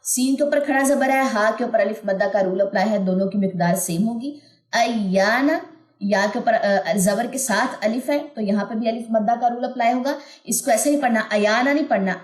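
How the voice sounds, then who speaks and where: A woman teaching recitation rules who explains each point, then stretches the syllables out slowly to model them. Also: mid-range voice. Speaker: Quran tajweed teacher. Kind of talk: recorded online lesson. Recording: roomy echo.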